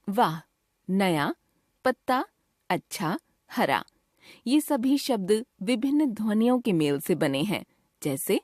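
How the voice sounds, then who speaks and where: A woman reading a scripted grammar lesson to children, deliberately spelling out sounds one by one. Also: mid-range voice, a little mellow, no room sound, studio quality. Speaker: teacher.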